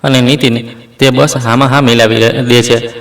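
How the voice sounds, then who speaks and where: A man's voice: medium pitch, flat delivery, normal speed, fairly bright tone, close to an everyday voice. A man voicing a young adult brother who speaks bluntly and earnestly about his sister. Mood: concerned. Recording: roomy, distant mic.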